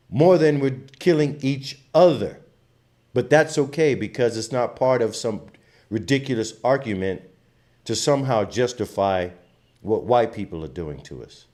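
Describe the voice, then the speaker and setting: A man's voice: mid-range voice, lively intonation, a little slow. A man from Trinidad and Tobago, giving an impassioned, emphatic commentary as a channel host. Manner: impassioned, emphatic, grows louder when fired up. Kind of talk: opinionated commentary monologue.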